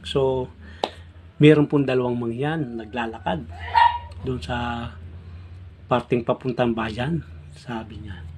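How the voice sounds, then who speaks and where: A man's voice: a little high, fairly bright tone, a little hiss or hum. A man hosting a vlog, telling a long joke casually and rambling with restarts. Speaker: vlog host.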